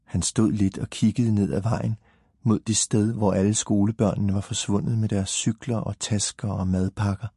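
Brief: male storybook reader, mellow and husky, dry close sound. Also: on the low side, level tone, no echo. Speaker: narrator. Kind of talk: storybook narration.

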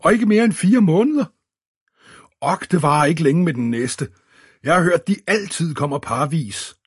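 A man voicing a cheerful young detective who exclaims with raised, excited pitch in an audiobook. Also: slightly rough, no echo, studio quality. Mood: giddy.

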